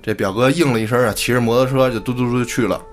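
A man hosting a podcast and telling a spooky tale in a colloquial, relaxed way. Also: medium pitch, quick pace, soft background music. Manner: colloquial, relaxed, casual swearing. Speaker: podcast host. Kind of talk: storytelling narration.

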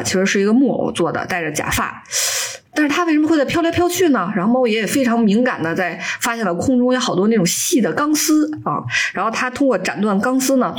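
A woman hosting a podcast, casually walking listeners through a plot with an animated, laughing delivery. She drops into short character voices in the middle of her narration, then returns to a relaxed, conversational tone. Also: medium pitch, breathy edge. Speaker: podcast host. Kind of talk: casual story recap.

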